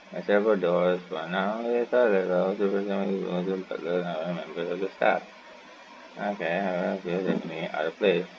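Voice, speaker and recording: This gaming streamer has a low-pitched voice and talks casually as he plays, rambling and often muttering to himself. The slightly dull mic picks up some background noise along with game music.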